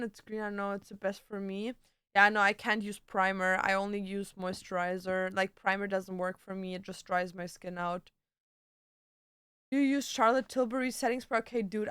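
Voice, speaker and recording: Streaming from home indoors, this woman talks casually with her viewers and answers them bluntly, using slang and playful swearing. She has a smooth, medium-pitched voice with a fairly bright tone, and there's no room sound.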